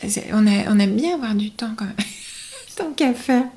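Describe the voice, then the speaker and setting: A woman voice-over announcer chatting playfully in an interview, often dropping into breathy whispered asides. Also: a little high, animated, measured pace, dark tone. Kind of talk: relaxed interview chat.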